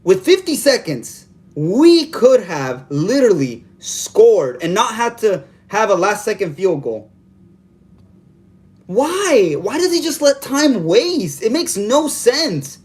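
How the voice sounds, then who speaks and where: A man's voice: high voice, sing-song, takes it slowly, a little mellow. A man hosting a live stream, venting in an exasperated post-game rant full of repeated rhetorical questions, talking into a phone camera. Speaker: live stream fan host. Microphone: phone camera held vertical.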